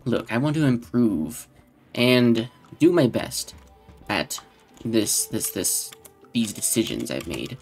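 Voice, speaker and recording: A man giving casual gameplay commentary in a deadpan tone that can sound sarcastic, with keyboard clicks behind him. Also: medium pitch, slow, creaky, faint music behind. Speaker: gaming channel host.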